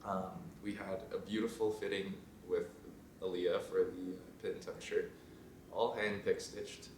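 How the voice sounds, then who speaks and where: A young man, a fashion design student, chatting casually in a vlog, rambling and trailing off into quiet asides. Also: low voice, little pitch movement, unhurried, recorded from a distance, a little hiss or hum. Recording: roomy sound from off mic, faint ambience.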